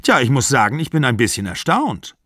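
A man's voice: medium pitch, very animated, a little fast, a bit bright, no room sound, studio quality. A man reading an audiobook, voicing a friendly but surprised father in a hearty, slightly lifted tone.

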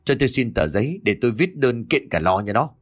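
A man's voice: medium pitch, sing-song, brisk, a bit bright. A man voicing a spiteful middle-aged village woman who sneers and scolds. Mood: spiteful scolding.

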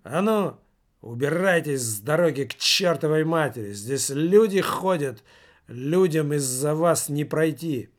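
A coarse drunk welder slurs his words in a slow, insolent drawl, as a male narrator puts him on. The voice sits a touch high for a man. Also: lively intonation. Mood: drunk, defiant.

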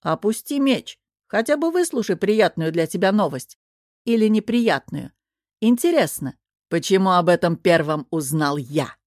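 A woman's voice: lowish voice, moderate pace, no echo, studio quality, natural voice. Woman voicing a cool mocking governor. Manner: calm, sarcastic.

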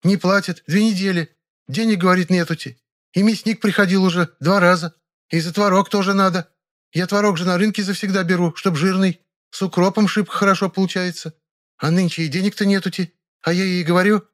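A man reading aloud and voicing a rustic young maid with a rural Russian dialect who chatters rapidly and indignantly. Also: a little high, voice pushed up, close to an everyday voice. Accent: rural Russian dialect speech. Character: loud chattering rustic maid, woman around thirty.

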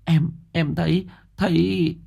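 A man voicing a frightened village woman who stammers and rushes her words. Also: a little high, sing-song, darkish tone, slightly rough, voice pushed up. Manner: stammering, breathless.

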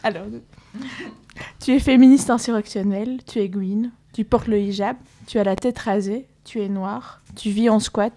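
A woman, an activist guest on community radio, reading a list briskly with an easygoing tone. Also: mid-range voice, steady tone, dark tone. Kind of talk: casual radio chat and reading a text aloud.

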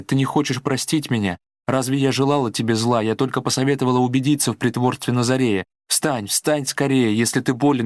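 A man's voice: no echo, clean studio sound, natural voice. A man voicing a haughty young woman who is overwhelmed by grief, pleading and crying out in a raised voice. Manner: pleading, shrill cries. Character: proud young woman, grief-stricken and frantic.

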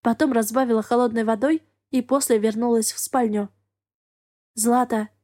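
A woman narrating a first-person audiobook in an even, measured way. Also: on the high side.

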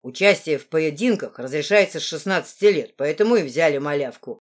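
Storybook role: a woman reading a steady young half-dwarf lad, pitched low, matter-of-fact. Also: a little fast. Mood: calm. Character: calm young male half-dwarf student.

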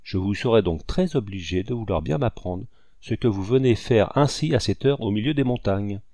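Guy reading as a tough hunter, mocking tone, lowish voice, dry sound. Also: expressive, moderate pace, dark tone, no room sound. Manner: mocking, teasing. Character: mocking, iron-willed male hunter.

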